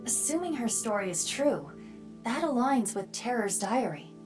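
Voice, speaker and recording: A woman voicing a sharp-tongued, analytical investigator in a game, matter-of-fact and dry. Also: fairly high pitch, big pitch swings, normal speed, over music. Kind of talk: scripted game acting.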